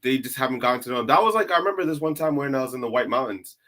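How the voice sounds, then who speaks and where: A man's voice: medium pitch, rapid-fire, fairly bright tone. Laid-back man with a mid-range voice. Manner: laid-back, uses lots of "like". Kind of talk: casual storytelling.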